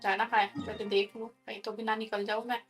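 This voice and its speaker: A woman's voice: mid-range voice, level tone, rapid-fire, faint music behind. A woman streamer from India with an Indian accent, chatting casually and mixing Hindi and English on a live game stream. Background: game audio.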